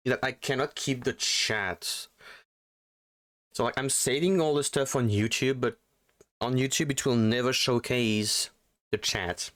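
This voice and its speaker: A man chatting on a livestream from his home setup, rambling and self-deprecating with plenty of fillers. His desktop mic gives a close, dry sound at mid pitch. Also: measured pace, a bit bright, dry recording. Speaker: streamer. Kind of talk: casual livestream chat. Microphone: desktop USB mic.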